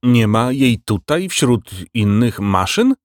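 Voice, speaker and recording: A man's voice: lowish voice, very animated, brisk, no room sound, clean studio sound. A man doing a timid bewildered sea captain. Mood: hesitant. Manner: hesitant, shy.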